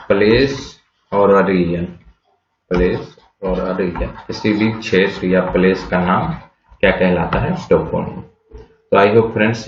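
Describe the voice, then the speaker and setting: A man with a low-sitting voice explains English vocabulary slowly in a classroom, spelling out words letter by letter and asking rhetorical questions before answering them. The room sound is echoey, dull, and lo-fi.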